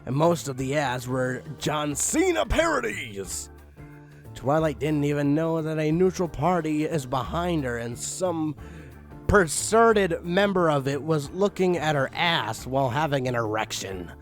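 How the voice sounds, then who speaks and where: A little slow and animated, a man with a voice on the high side reads some badly written fan fiction with mock-dramatic exasperation. He sighs, then erupts into outbursts, while soft music plays underneath.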